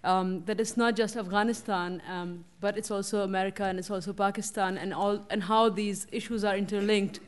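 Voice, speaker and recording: A woman's voice: medium pitch, steady tone, fairly quick, few pauses. Hesitant woman moderating a panel. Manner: hesitant, many fillers. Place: university lecture hall.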